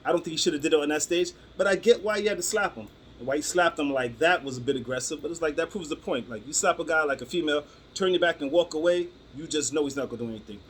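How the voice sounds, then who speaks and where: A man's voice: fairly high pitch, quick pace, few pauses, a little hiss or hum. Rambling New man telling stories. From Brooklyn, New York. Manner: loose, rambling delivery with frequent "um"s and restarts. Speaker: vlogger telling personal stories. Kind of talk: casual storytelling to camera.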